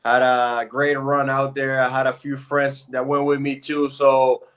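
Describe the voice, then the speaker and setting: Man in his thirties, from Puerto Rico, interview guest, laid-back, even and level delivery. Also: mid-range voice, a little slow. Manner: laid-back, relaxed storytelling with fillers. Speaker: guest, pro basketball player. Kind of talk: casual interview chat.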